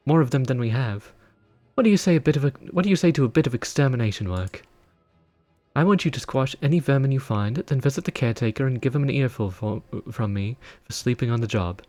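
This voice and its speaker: A man voicing a fussy tavern keeper reading quest dialogue in a put-on accent, pitched above his usual voice. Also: darkish tone, no echo, lightly acted. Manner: put-on accent, higher than his own voice.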